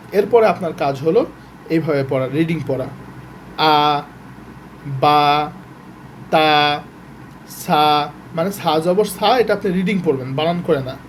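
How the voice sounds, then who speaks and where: A man's voice: a little high, expressive, mellow, slight background noise. A man teaching Quran reading in an online lesson, sounding out letters one by one and explaining patiently. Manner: patient, repeats letter sounds slowly then speeds up to explain.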